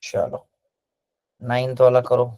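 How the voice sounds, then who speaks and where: A man's voice: mid-range voice, takes it slowly. A man with an Indian accent teaching a class, mixing Hindi and English and cheering on his students. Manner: lively, praising students, Hindi-English mix. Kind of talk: classroom lecture.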